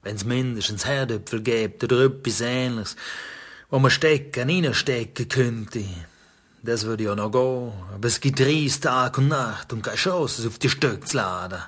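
A Swiss German man performing spoken word with a wry, musing deadpan. His voice sits in an ordinary middle register. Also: medium pitch.

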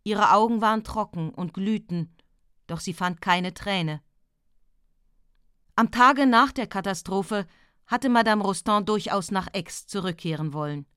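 A woman reading a classic novella aloud in a measured, even storytelling voice. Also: medium pitch, clear, resonant tone, no room sound, studio quality. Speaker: audiobook narrator. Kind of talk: scripted literary narration.

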